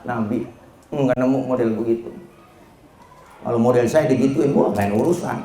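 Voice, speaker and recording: A man's voice: medium pitch, moderate pace, warm tone. A man with a Betawi accent preaching a humorous Islamic sermon, joking and telling stories to the audience at a home gathering. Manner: joking, slangy and storytelling, addressing the audience directly. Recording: echoey room, faint background noise.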